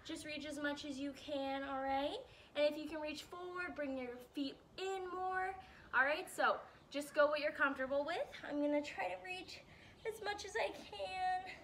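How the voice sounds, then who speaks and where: A young woman teacher leading warm-ups and stretches for kids, upbeat and a bit out of breath, checking in often. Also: high voice, fairly even intonation, normal speed, far from the mic, a little hiss or hum. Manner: upbeat coaching, checks in with "all right?". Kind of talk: guided exercise instruction.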